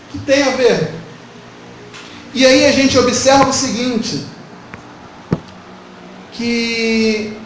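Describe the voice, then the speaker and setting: A male pastor preaching a sermon, emphatic and full of rhetorical questions to the congregation. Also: high-pitched. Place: church hall. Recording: very echoey hall from far off, faint noise.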